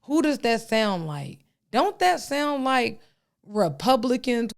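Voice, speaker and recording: A woman's voice: on the high side, sing-song, slow, vocal fry. A woman from the United States, hosting a podcast and talking through the news in a casual monologue, reading excerpts aloud with her own asides. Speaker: podcast host.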